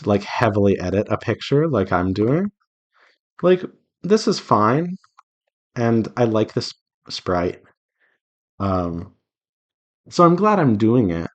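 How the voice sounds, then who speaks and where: A man with a lowish, slightly mellow voice chats casually to viewers as he works. He's a visual novel developer running a draw-along devlog, thinking out loud in a rambling, self-reassuring manner while drawing.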